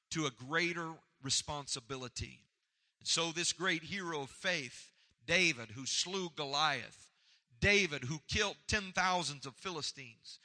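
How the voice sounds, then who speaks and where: Bright-voiced male preacher in a reverberant hall. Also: fairly high pitch. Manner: emphatic, repetitive oratory, swinging between loud and soft. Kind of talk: motivational sermon with call-and-response. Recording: echoey hall with long reverb.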